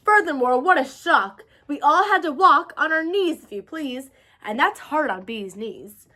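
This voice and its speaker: A woman's voice: high-pitched, expressive, a little slow, sharp tone, heavily acted. A woman voicing frightened, complaining bees from a storybook in an urgent, pleading manner. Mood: alarmed pleading.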